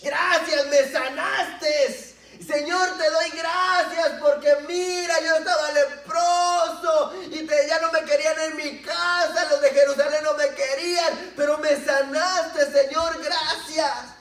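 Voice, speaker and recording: Man playing a shouting healed leper. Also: very high-pitched, steady tone, slow pace, few pauses, pitched above the performer's own voice, heavily acted. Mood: jubilant shouting. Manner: loud exuberant shouting. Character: healed male leper shouting thanks, overjoyed, defiant. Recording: roomy echo, voice from a distance.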